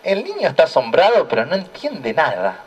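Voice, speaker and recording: Man, church speaker, high animated voice, unhurried preaching, miked from afar outdoors. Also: husky. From Argentina. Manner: slow, deliberate storytelling with repeated refrain. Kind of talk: preaching talk. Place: outdoor town square. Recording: voice heard from a distance.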